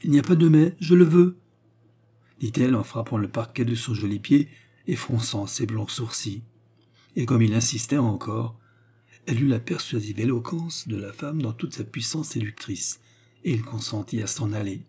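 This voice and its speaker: Male audiobook narrator, dark, husky, measured literary reading. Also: medium pitch.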